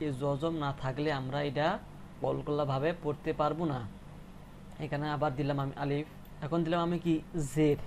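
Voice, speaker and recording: A man's voice: on the high side, level tone, moderate pace, long pauses, darkish tone, a little hiss or hum. A man giving a spoken tutorial on reading the Quran, patiently repeating letters and asking rhetorical questions.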